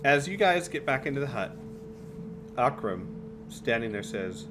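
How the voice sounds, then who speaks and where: A man's voice: medium pitch, very animated, unhurried, over music. A man narrating a tabletop game as game master, mixing dramatic storytelling with casual asides.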